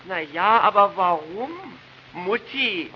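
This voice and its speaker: A man voicing a whiny, curious little boy who keeps pestering at the dinner table. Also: slow. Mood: whining. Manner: whining, pestering, shrill. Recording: dull noisy old record.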